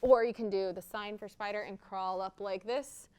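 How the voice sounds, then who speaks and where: A woman hosts library storytime, reading a picture book aloud with interactive rhymes for young children. Her voice is really clear and smooth, medium in pitch, at a normal speed, and she's expressive, speaking directly to the little kids.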